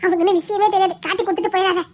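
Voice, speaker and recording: An actress playing a teasing young woman relative, speaking with a Tirunelveli accent in a quick, playful way. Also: very high voice, fairly even intonation. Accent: Tirunelveli Tamil. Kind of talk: web series acting.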